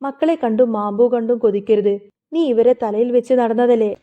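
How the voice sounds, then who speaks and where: A woman voicing a stern middle-aged husband who lectures gravely. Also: on the high side, steady tone, moderate pace, close to an everyday voice. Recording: phone-like narrow sound.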